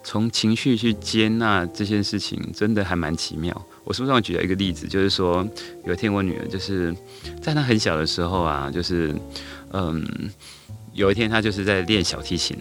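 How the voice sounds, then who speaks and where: Low-voiced man telling a story. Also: faint music behind. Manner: unhurried, full of hesitant fillers and restarts. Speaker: guest, elementary school teacher. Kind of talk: conversational podcast storytelling.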